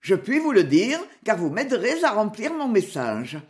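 A woman's voice: medium pitch, sing-song, normal speed, a little mellow, natural voice. A woman doing a bold young outlaw leader. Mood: commanding.

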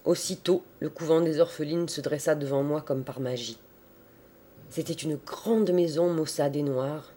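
A man narrating a literary story in a measured, expressive audiobook style. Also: fairly high pitch.

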